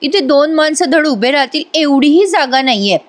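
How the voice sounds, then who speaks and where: Jealous young rival, snappish and taunting, voiced by a woman reading a recap, a bit higher than her usual. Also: expressive, normal speed. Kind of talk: dramatized dialogue in a serial recap.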